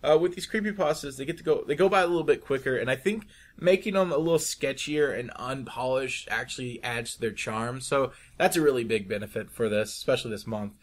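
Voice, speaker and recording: A man's voice: mid-range voice, a little fast. A young man casually talking over a drawing video in a chatty, rambling way, often restarting his sentences. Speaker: YouTube artist.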